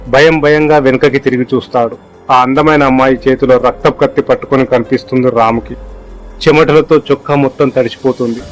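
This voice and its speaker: Male storyteller, scripted horror narration, mid-pitched voice, faint music underneath. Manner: reads all characters' lines in his own voice.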